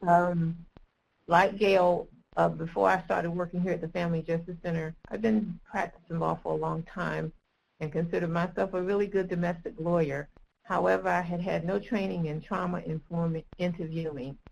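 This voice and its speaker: Low, gravelly woman attorney speaking hesitantly. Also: fairly even intonation, a little mellow, a little hiss or hum, poor audio. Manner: measured and hesitant, with many ums. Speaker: family law attorney. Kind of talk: speaking in a training webinar.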